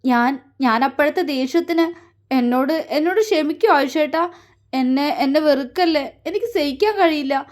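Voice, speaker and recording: A woman voicing a remorseful young woman in an audio story, speaking haltingly and pleadingly. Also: sits high, natural voice. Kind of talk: audiobook character reading.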